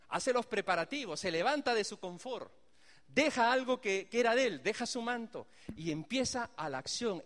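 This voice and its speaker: A man's voice: high voice, long reverb tail. A man preaching a sermon as pastor, emphatic and speaking straight to the congregation. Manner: animated, emphatic, addresses the congregation directly.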